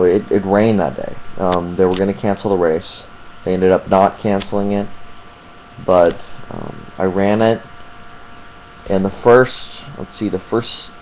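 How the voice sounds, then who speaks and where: A man giving a casual, halting vlog talk to camera, often searching for details mid-thought. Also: sits low. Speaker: vlogger. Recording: muffled sound with clear electrical hum.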